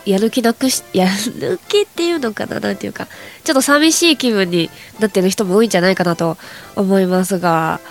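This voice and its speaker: A woman's voice: mid-range voice, fairly quick, creaky, soft background music. A young woman hosting a chatty solo radio show, her voice nasal and stuffed up from hay fever, rambling casually to her listeners. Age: young adult. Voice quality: nasal, congested.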